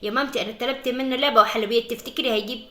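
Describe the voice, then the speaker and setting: A woman's voice: on the high side, fairly even intonation, racing, pushed and bright. A woman doing a whiny Egyptian little girl. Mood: chatty. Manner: whiny, pleading. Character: spoiled chatty little girl who begs for sweets. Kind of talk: dubbed family skit.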